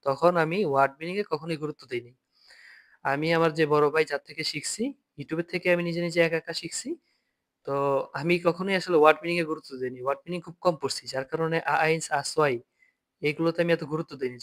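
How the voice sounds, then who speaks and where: A man's voice: fairly high pitch, fairly bright tone. A young man, a native Bengali speaker, teaching an online German lesson, patiently spelling out letters and repeating words, often checking "okay?".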